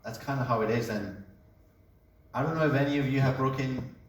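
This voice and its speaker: A young man from Colombia giving a casual personal testimony, a relaxed storyteller who jokes as he talks. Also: medium pitch, fairly quick, distant mic. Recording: echoey room, voice away from mic.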